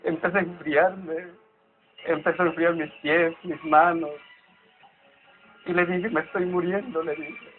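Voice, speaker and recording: A man's voice: on the high side, little pitch movement. Earnest man, tinny sound. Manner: earnest, halting, with restarts. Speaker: church member giving testimony. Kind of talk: personal testimony. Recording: tinny phone-like sound with music behind.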